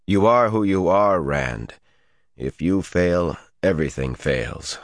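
A man doing a dry, steady young friend. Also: sits low, takes it slowly, dry recording. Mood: serious. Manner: dry, wry.

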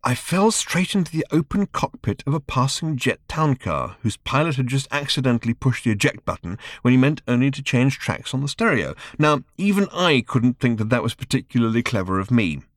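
A man's voice: mid-range voice, sing-song, fairly quick, few pauses, no echo, clean studio sound, voice pushed up, close to an everyday voice. A man voicing Ford, an impatient, self-regarding alien man, in an audiobook reading. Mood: smug. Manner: clipped, impatient, earnest. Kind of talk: audiobook character voice.

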